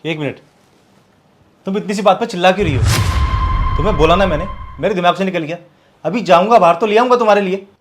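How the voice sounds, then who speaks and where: Playing a proud young man who fights defensively with his partner and then turns bitter and cold, the actor sounds angry and hurt as he walks out coldly in this scripted short film about a live-in couple. His slightly high voice is brisk, close to an everyday voice, with frequent pauses and a little hiss or hum.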